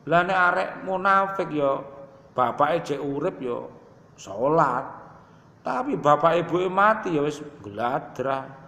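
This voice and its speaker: Preacher, man in his 50s, Javanese accent, slow unhurried delivery, voice ringing in a big reverberant hall. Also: fairly high pitch, expressive, gravelly, pushed and bright. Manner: storytelling, acting out his parents' prayers. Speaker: Islamic preacher. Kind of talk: sermon mixing Indonesian and Javascript dialect. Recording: echoey hall with long reverb.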